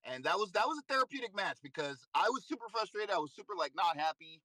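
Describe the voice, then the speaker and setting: A man casually recapping his card game tournament, animated and swearing freely as he acts out his own thoughts. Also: high voice, fast, dry recording, rough recording. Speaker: competitive card game player.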